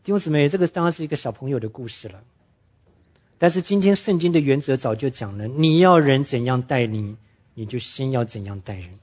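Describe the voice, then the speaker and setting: A man preaching a sermon, telling stories earnestly and slowing down to stress his main points. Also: medium pitch, expressive, a little mellow. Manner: earnest storytelling preacher, drops English words into speech; slows down and drops his voice to stress key points. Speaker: pastor.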